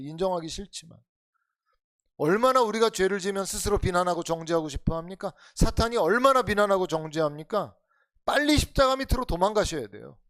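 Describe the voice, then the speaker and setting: A man's voice: sits high, a bit bright, no room sound. A male pastor preaching an expository sermon in earnest, urging tones, full of rhetorical questions. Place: church sanctuary.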